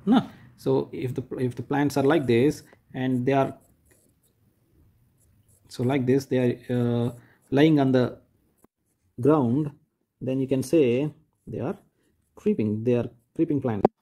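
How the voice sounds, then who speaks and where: A man's voice: medium pitch, slow, long pauses, warm tone, breathy edge. A man, teaching a school textbook lesson to children, repeating each point and rephrasing it patiently. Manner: points and demonstrates with "like this".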